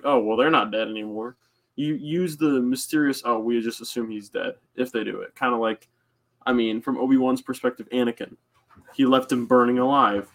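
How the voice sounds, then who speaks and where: A man's voice: medium pitch, fairly bright tone. A man co-hosting a casual fan podcast, agreeable, often stumbling and restarting words. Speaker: podcast co-host.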